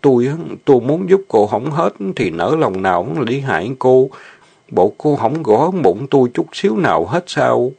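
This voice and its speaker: A man's voice: medium pitch, lively intonation, moderate pace, vocal fry, a little mellow. A man voicing a shy, lovesick young male farmhand who stammers and pleads. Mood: pleading. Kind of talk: audio drama reading.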